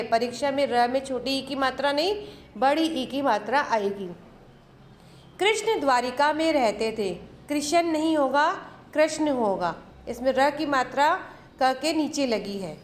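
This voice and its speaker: A woman teaching a Hindi grammar lesson, going slowly through word lists and saying each word twice. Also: high-pitched, reverberant. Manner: slow, deliberate, repeats each word twice.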